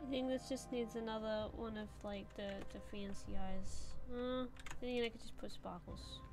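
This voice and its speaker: A young woman livestreams herself drawing and chats casually with viewers, her voice on the high side with fairly even intonation at a normal speed. She rambles while answering chat, packing her talk with "like" and "um," and music plays underneath.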